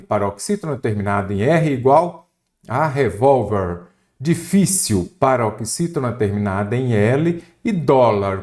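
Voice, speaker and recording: A man with a Brazilian accent teaching an exam-prep Portuguese grammar lesson, stressing syllables and asking the viewer questions. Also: medium pitch.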